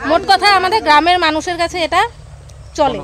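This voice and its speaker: A woman's voice: very high voice, fast, crowd noise. A woman chatting casually to camera as a vlog host, explaining and giving instructions. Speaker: vlogger hosting a food challenge. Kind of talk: casual chat to camera and family. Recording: outdoor recording with people chattering around.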